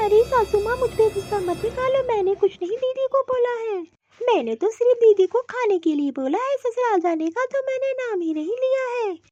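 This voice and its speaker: A woman's voice: extremely high pitch, lively intonation, moderate pace, warm tone. A woman playing a fed-up cartoon daughter-in-law. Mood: pleading. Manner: exasperated, talking back. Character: overworked young daughter-in-law, sharp-tongued. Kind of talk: cartoon voice acting.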